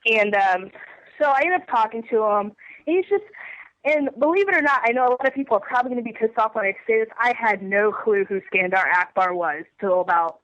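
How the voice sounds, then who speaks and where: A woman's voice: a little high, fairly quick, fairly bright tone, dry recording, muffled recording. A woman in her twenties, a wrestler being interviewed, telling a story animatedly and laughing often while under the weather. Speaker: guest wrestler.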